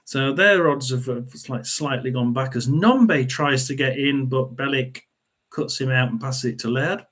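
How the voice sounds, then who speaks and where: A middle-aged man hosts a football watchalong in a loose, casual way. He rambles along with plenty of fillers and keeps clearing his throat between thoughts. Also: mid-range voice, a little slow, fairly bright tone. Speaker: watchalong host. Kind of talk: casual live football commentary.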